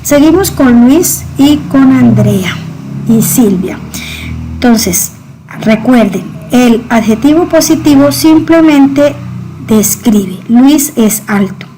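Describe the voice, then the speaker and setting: Female teacher, slightly high, mellow voice, slow deliberate delivery, repeats key words for students. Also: animated, slight background noise. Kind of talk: grammar lesson explanation.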